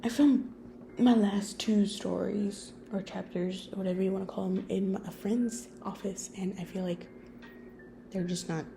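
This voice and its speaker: A young woman reading a fan story aloud, soft-spoken and prone to rambling when she speaks off script. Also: medium pitch, vocal fry, background noise. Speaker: story reader. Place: friend's office.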